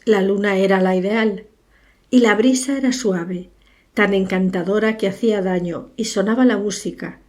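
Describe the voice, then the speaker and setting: A woman reads a literary story aloud as an audiobook narrator, measured and unhurried. Her voice is dark and mellow, at a middle pitch for a woman.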